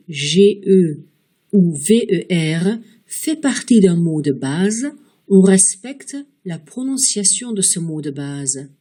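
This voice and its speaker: A woman teaching a pronunciation lesson, explaining rules step by step and slowing down to model each example word. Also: medium pitch, dark tone, breathy edge. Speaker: language teacher. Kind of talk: slow, careful pronunciation lesson.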